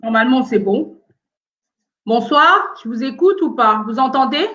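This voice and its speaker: A Congolese-origin woman from France runs a casual live stream at home, battling sound problems in a hesitant way full of fillers. Her high, animated voice is fairly bright and a little slow, over dull audio.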